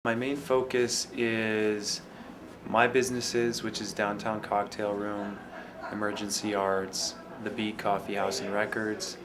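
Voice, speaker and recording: Flat, low-voiced man with background noise. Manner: measured, halting with frequent fillers. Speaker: downtown business owner. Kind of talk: interview answers.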